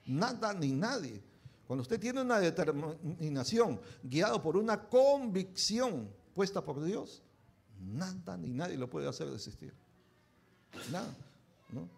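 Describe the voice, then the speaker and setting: Man preaching with a higher voice. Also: expressive, a little slow, gravelly, slightly rough. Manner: conversational preaching, checks in with the congregation with tag questions. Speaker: pastor. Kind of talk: sermon.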